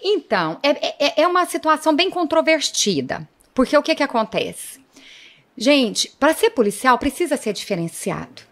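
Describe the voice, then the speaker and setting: A woman's voice: high voice, sing-song, normal speed, fairly bright tone. A woman, a police chief being interviewed, telling her story vividly and often speaking to the audience. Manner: vivid, dramatic retelling, often addresses the audience.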